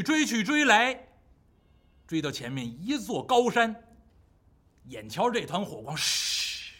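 A male storyteller narrates in a vivid, traditional style and punctuates the action with spoken sound effects. His voice is high and very animated, with a bright, slightly husky tone.

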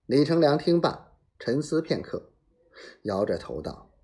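A man reading a serialized historical novel aloud in a dramatic, measured storytelling manner. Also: fairly high pitch, very animated, mellow.

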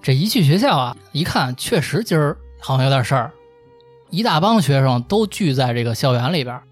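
A man's voice: mid-range voice, animated, brisk, soft background music. A man with a Beijing accent telling a history story in casual, colloquial style as host, acting out the characters' dialogue as he goes. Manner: acts out characters' dialogue as he narrates.

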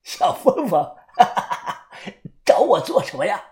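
A crazed old kung fu master, put on by a woman narrator cackles through his lines in a high, sing-song voice that swoops wildly up and down. He stretches his verses into slow, drawn-out chants. It is a lively storybook reading. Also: full character voice. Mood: gleeful. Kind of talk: storytelling audiobook.

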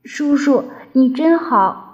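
A little crybaby dinosaur boy speaks in a high, bouncing, childlike voice, as a woman puts him on. His pitch leaps about, tearful yet sweet, in a storybook reading. The recording is dull and lo-fi. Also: expressive, slow pace, a little mellow. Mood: happy.

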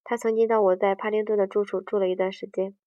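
Reading quickly in a mid-range voice that hardly changes pitch, a woman hesitates her way through a book, frequently restarting and fixing mistakes mid-sentence. The recording is dry, with a dull, far-away quality.

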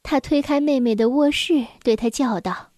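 High-voiced woman reading a kids story, slow and gentle, dry close sound. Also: no echo.

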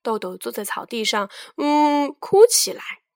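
A woman narrating a children's story with a gentle, expressive reading. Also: fairly high pitch, measured pace, no room sound, clean studio sound.

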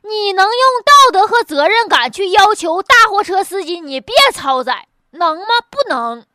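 High-pitched woman with Northeastern Chinese accent. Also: expressive, normal speed, sharp tone, dry recording, clean studio sound. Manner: blunt, mocking, colloquial, with rhetorical questions. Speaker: host. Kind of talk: casual humorous news commentary.

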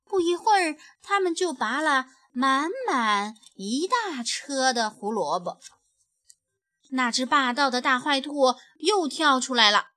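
A woman reading a picture book aloud, gentle and expressive, letting her voice fall softly at the end of sentences. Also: sits high, measured pace, no room sound. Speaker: storyteller.

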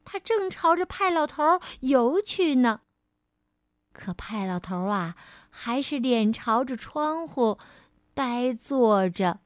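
Slow, gentle woman reading a storybook. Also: on the high side, no echo, studio quality. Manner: gentle, expressive, lingering on phrases.

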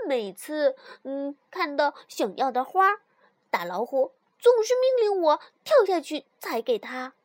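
A woman telling a children's story in the first person, in an expressive, sighing way. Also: high-pitched, unhurried, dry recording, studio quality.

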